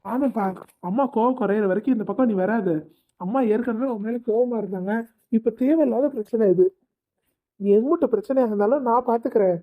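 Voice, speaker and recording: A woman voicing a calm, reasonable husband in a cartoon family drama who explains things patiently. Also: a little high, a little fast, close to an everyday voice. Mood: reasoning. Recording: tinny phone-like audio.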